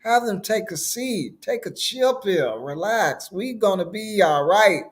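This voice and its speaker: A man voicing a calm, laid-back Jesus who tells worried followers to relax. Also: sits high, pitched above the performer's own voice. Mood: reassuring. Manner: soothing, unhurried.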